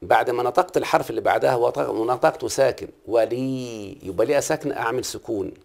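Middle-aged Egyptian-accented male teacher, gravelly voice, patient classroom questioning. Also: mid-range voice, quick pace. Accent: Egyptian Arabic. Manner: patient, quizzes the class and repeats key terms. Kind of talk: classroom lesson on Arabic prosody.

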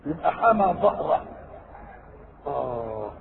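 High, gravelly Egyptian man teaching scripture. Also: very animated, slow pace. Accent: Egyptian Arabic. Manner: questioning the listeners, then answering himself. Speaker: religious scholar explaining scripture. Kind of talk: spoken religious lesson. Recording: tinny, noisy, phone-like recording.

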